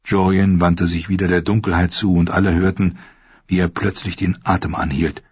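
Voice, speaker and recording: A man narrating an audiobook in an even, steady storytelling manner. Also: sits low, normal speed, breathy edge, dry recording. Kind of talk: scripted narration. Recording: dry, dull lo-fi audio.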